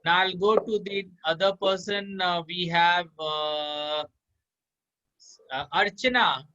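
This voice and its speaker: A man teaching vocabulary in a live online class, drilling pronunciation by slow repetition and calling on students by name. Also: high-pitched, steady tone, bright, forceful tone, muffled recording. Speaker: spoken English teacher. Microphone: video call.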